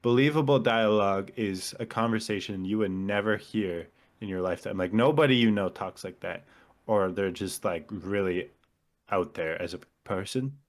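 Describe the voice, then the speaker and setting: Podcast co-host, male, lowish voice, chatty and analytical, goes on at length about craft. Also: moderate pace. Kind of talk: casual chat.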